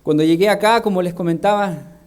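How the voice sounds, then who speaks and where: Man, Chilean Spanish accent, fairly high voice, preaching, rhetorical questions. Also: brisk, darkish tone, clean tone. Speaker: minister. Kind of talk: sermon. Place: church.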